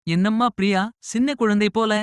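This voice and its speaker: A man voicing a caring middle-aged mother who scolds softly and reassures tenderly. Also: sits high, fairly even intonation, moderate pace, smooth, no room sound, clean studio sound, voice pushed up, natural voice.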